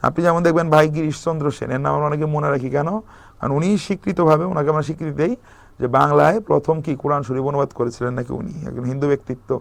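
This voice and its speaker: Fast-talking male lecturer, dry sound. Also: on the high side, fairly even intonation, gravelly, no echo. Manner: explanatory, mixes English terms into speech, many fillers. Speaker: exam prep lecturer. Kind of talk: recorded lecture.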